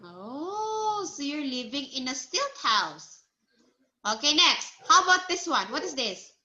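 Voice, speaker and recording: A very animated woman with a high-pitched, pushed, bright voice teaches English to a single child. She goes patiently and slowly, repeating words for the child to imitate and praising correct responses.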